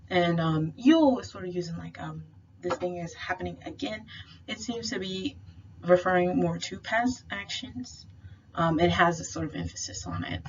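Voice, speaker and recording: A young woman with a slightly low voice, talking through a tutoring lesson in a relaxed, chatty way with plenty of fillers. The recording sounds a bit dull, with faint background noise. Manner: chatty, explains with lots of fillers and slang. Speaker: Chinese language tutor.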